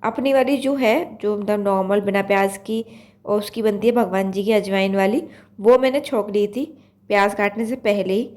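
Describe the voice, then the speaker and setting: A young woman with a Uttar Pradesh Hindi accent talks through her day in a casual vlog voice-over, her slightly high voice hoarse and stuffy from a cold. She rambles on, packing her chat with fillers. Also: darkish tone. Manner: chatty, rambling, full of fillers. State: hoarse, blocked nose from a cold. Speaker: vlog host.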